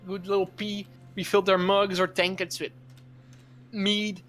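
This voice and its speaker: A man's voice: high voice, little pitch movement, unhurried, a bit bright, faint music behind. Southern man running a tabletop game. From Southern United States. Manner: joking, laid-back, with frequent "uh" fillers. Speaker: game master. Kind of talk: narrating a tabletop game on a live stream.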